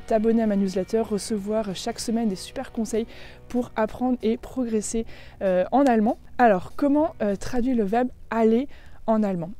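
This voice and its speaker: A woman's voice: on the high side, mellow, dry recording. Chatty French woman teaching German. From France. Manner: chatty, slows right down to model German phrases. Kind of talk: casual online language lesson.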